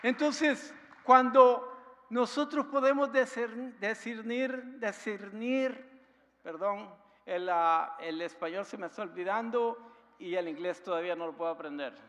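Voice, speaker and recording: A man preaching a sermon as pastor, emphatic, with rhetorical questions to the congregation and loudness that rises and drops. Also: high-pitched, measured pace, long reverb tail, a little hiss or hum. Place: church sanctuary.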